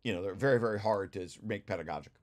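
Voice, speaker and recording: A study group leader with a fairly low voice talks very fast as he presents a research paper over shared slides. His technical explanation is informal, and he frequently restarts and repeats phrases.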